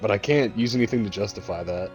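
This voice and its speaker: A man's voice: on the low side, quick pace, darkish tone, faint music behind. A man in casual gaming chat, laid-back, with crude slang.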